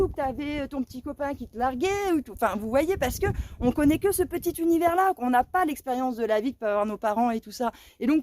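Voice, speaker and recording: A woman's voice: high voice, darkish tone. A woman from Lorraine, France, in her thirties, talking to her viewers in an indignant, emphatic, chatty monologue. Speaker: vlogger.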